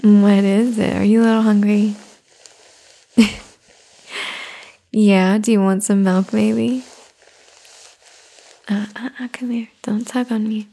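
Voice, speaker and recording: A woman in an ASMR caretaker roleplay, speaking softly and soothingly, often in a whisper, close to the microphone. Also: mid-range voice, little pitch movement, takes it slowly, creaky, pauses often.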